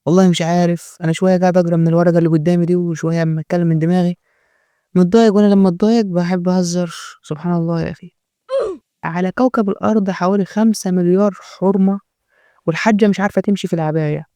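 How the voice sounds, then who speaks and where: A man's voice: high voice, steady tone, racing, mellow, smooth, dry recording. A man with an Egyptian accent giving natural unscripted, joking commentary as a host, in a mocking, rambling way.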